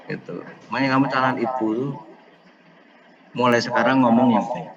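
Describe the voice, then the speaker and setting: A man giving a casual online lecture, animated and acting out what parents say, slipping in phrases. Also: medium pitch, normal speed, vocal fry, lo-fi sound, a crowd in the background. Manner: animated, mixes Javanese phrases, acts out parents. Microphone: video call.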